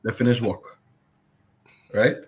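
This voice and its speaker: Slow and steady, this podcast co-host has a mid-range, slightly mellow voice. He presents the news in a relaxed, chatty way, joking around and using fillers.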